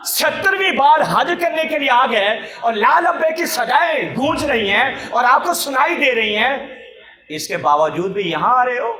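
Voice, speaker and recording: A man telling a sermon story in an impassioned way, often rising to a shout. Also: very high-pitched, reverberant. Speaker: preacher.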